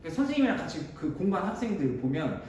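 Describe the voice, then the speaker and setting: Lively high-voiced male teacher, echoey classroom. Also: fast talker. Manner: chatty, digressive, bantering with students in casual speech. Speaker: math academy teacher. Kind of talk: casual classroom lecture. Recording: echoey room, mic at a distance, faint noise.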